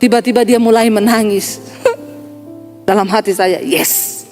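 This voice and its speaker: A middle-aged woman pastor with an Indonesian accent, preaching a sermon as animated storytelling and often calling her listeners "Saudara". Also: fairly high pitch, measured pace, soft background music.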